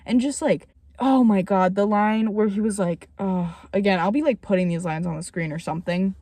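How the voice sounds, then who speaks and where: A woman chatting through her reaction to a book, loose and rambling, swearing often as her excitement builds. Her voice sits at a middle pitch. The sound is close and dead, with no room around it. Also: normal speed, no echo. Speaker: book reviewer. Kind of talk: casual reaction vlog.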